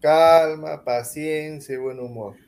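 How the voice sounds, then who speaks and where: A man's voice: fairly high pitch, slow, a little mellow. Man rattling off football lineups. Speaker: sports show panelist. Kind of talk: casual football chat.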